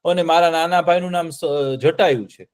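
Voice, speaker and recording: A grieving old giant vulture from a children's story speaks slowly and gently, voiced by a man. The voice sits high for a man. It is told as a plain storybook reading, without a heavy put-on. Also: fairly even intonation, clear, resonant tone, lightly acted. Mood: reminiscing.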